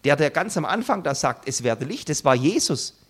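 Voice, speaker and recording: A man preaching a sermon, earnest and emphatic, building his points with dramatic pauses. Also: fairly high pitch, very animated.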